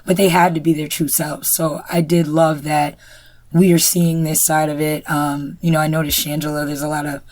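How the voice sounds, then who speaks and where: Low-voiced woman chatting about a tv episode, says "you know" a lot, dry close sound. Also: flat delivery, moderate pace, a little mellow, dry recording. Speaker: podcast co-host. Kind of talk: casual review discussion.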